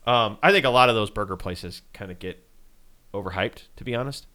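A man co-hosting a sports podcast, talking in an animated, teasing, wry way. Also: on the low side, a little fast. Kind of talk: casual sports chat.

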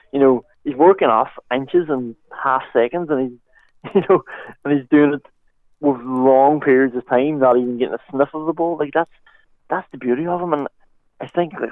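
A man's voice: medium pitch, no echo. Through a narrow phone-like band with a dry sound, an Irish man talks sport as a pundit. His analysis is loose and chatty, full of conversational asides. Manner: conversational, peppered with "like" and "you know".

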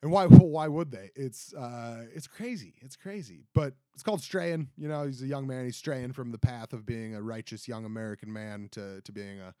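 A young man rambles through a casual solo podcast, joking at his own expense and stumbling over restarts. His voice sits at an ordinary middle pitch. The sound is dry and close, with no room around it. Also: steady tone, normal speed, hardly any pauses, warm tone, clean tone, no echo. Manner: rambling, self-deprecating, lots of fillers and restarts. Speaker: podcast host.

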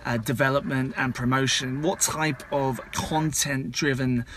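Male viewer sending a question, very bright projected voice, slightly high, outdoor clip with faint noise. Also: fairly even intonation, measured pace. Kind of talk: prepared question to camera. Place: outdoors at a safari reserve.

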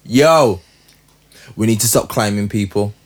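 A man's voice: fairly low pitch, measured pace. A man with an urban London roadman accent, chatting casually in heavy street slang, making his points emphatically and repeating phrases for insistence. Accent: London, urban street style. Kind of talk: casual, opinionated chat.

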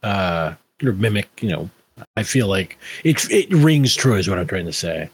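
A man's voice: deep voice, sing-song, moderate pace, husky. A man chatting casually as a podcast panelist. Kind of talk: casual chat.

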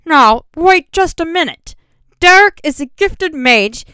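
A man's voice: very high-pitched, expressive, slow pace, pushed and bright, no room sound, pitched above the performer's own voice, heavily acted. A woman voicing a blustering male mage master who splutters indignantly and hisses angry whispers. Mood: spluttering.

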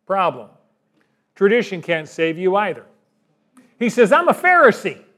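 Very animated and sharp-toned, a high-voiced pastor preaches at a moderate pace. His emphatic sermon keeps circling back to the congregation with rhetorical questions.

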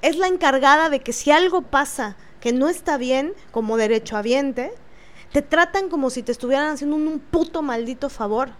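A woman with a Mexican Spanish accent, telling an angry first-person account in an indignant way, swearing freely and pausing on fillers. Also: high-pitched. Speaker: vlogger.

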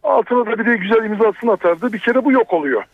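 A man's voice: high-pitched, lively intonation, fast talker, no room sound. A man calling a phone-in show by telephone, arguing his point. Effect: over a telephone. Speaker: phone-in caller, doctor. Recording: tinny, narrow phone line.

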